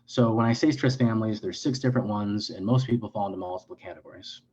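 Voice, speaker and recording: A man's voice: lowish voice, quick pace, darkish tone, lo-fi sound. A man speaking as a clinician guest in an interview, explaining in an earnest, lecturing way with frequent restarts and self-corrections.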